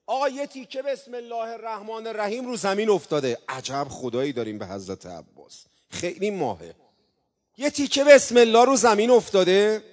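A man preaching a religious sermon, coaxing his audience and breaking into chanted invocations, with sudden swings between loud and soft. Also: high voice, in a large hall. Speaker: religious speaker. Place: religious gathering hall.

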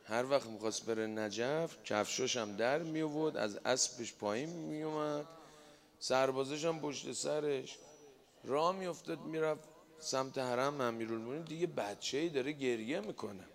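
A man leading a mosque gathering as a religious eulogist, chanting devotional verse and telling folksy stories to the crowd. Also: mid-range voice. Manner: loud melismatic chanting, lively folksy storytelling, joking with the crowd.

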